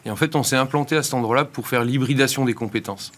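A man giving explanatory answers as an interview guest, measured and articulate, pausing between phrases. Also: mid-range voice, a bit bright. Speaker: institute director and founder, interview guest.

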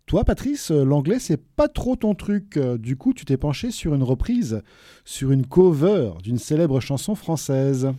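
A man hosting a radio show, introducing a segment in a relaxed way with small hesitations. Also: fairly high pitch, measured pace, no room sound, studio quality. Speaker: radio host.

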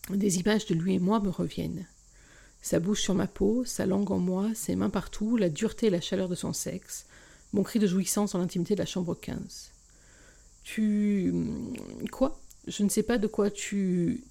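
A woman's voice: lowish voice, creaky, warm tone, breathy edge. A woman hosting a book podcast, speaking frankly and confidingly to listeners before she reads an excerpt aloud. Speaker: podcast host. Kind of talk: book review and read-aloud.

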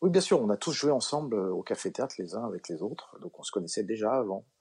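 A middle-aged man, a comedian guest in an interview, telling anecdotes in a relaxed way with many fillers and acted-out dialogue. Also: lowish voice, fast talker, husky. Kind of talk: relaxed storytelling.

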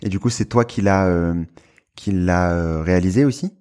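Low-voiced guy hosting a chill podcast, friendly, some euhs. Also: clean tone. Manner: relaxed, friendly, halting with fillers. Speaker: podcast host. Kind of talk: casual interview chat.

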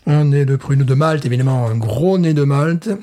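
A man's voice: mid-range voice, warm tone. A man co-hosting a casual beer-tasting chat, hesitant and repeating words, slipping in dry wordplay. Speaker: podcast co-host, beer taster.

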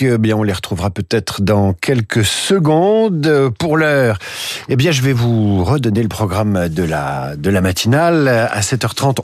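A male radio host with a French accent from France, heard dry and close in the studio. His voice sits at a medium pitch as he presents a live morning news programme. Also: no room sound. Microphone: close studio microphone.

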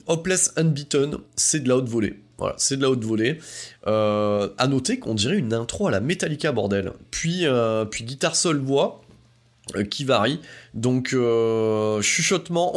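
A man giving a casual spoken album review, hesitant with lots of fillers and restarts, but enthusiastic and informal. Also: medium pitch. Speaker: music reviewer.

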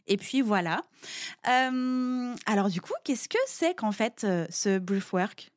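A woman's voice: medium pitch, expressive, slow pace, dry recording, clean studio sound. A woman hosting a podcast, chatting and asking questions in a bubbly, enthusiastic way. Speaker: podcast host. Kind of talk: casual interview chat.

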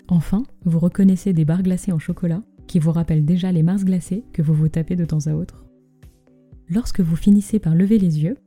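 A woman's voice: lowish voice, dark tone. A woman narrating a scripted story as a podcast host, speaking close and intimately into the microphone.

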